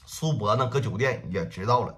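A man's voice: on the low side, brisk, a bit bright. A man narrating a gangster tale on a livestream, with punchy, vivid delivery and spoken sound effects. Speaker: storyteller. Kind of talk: livestream crime storytelling.

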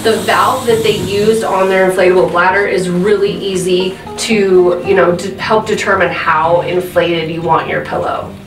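A woman's voice: lowish voice, fairly even intonation, moderate pace, few pauses, music in the background. Chatty woman reviewing gear, roomy sound. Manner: chatty, frequent "um" fillers. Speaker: product reviewer. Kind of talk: casual product review. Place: indoor room at a desk. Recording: roomy and slightly distant.

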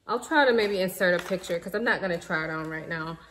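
Seated indoors in her living room before the camera, a woman in her thirties talks through things she bought in a casual haul vlog, relaxed and chatty, addressing viewers as "y'all." She speaks fast in a lowish voice, with a big-room sound and a little hiss or hum.

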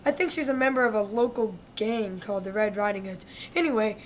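In a comic radio play, a woman plays a male big bad wolf, a smooth-talking hustler giving his side of the story with aggrieved, indignant self-pity. Her medium-pitched voice is fairly quick and close to everyday speech, with a little hiss or hum on the recording.

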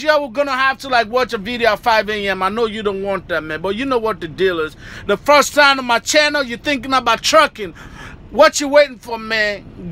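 A young man's very high, bright voice comes through with a forceful tone as he vlogs from his parked truck's cab. Using a phone camera at arm's length, he talks to his viewers directly in a loose, chatty, slangy manner.

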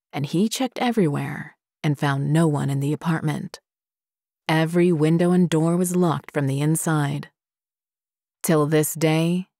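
Low-voiced woman narrating scary stories. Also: darkish tone, no echo, studio quality.

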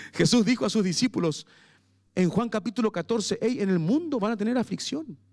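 A male pastor with a Paraguayan Spanish accent preaches a passionate church sermon, moving between quiet pleading and surges of intensity. His voice is high, with lively intonation and a moderate pace.

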